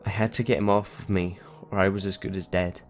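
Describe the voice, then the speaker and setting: Low-voiced male narrator for a first-person horror story, steady and measured, with soft music underneath.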